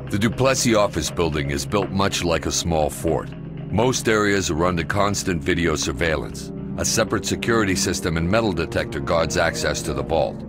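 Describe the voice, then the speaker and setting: A man playing a grave, commanding American SWAT commander, delivering a measured, matter-of-fact mission briefing for a video game. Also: low voice, lightly acted. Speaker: police tactical commander.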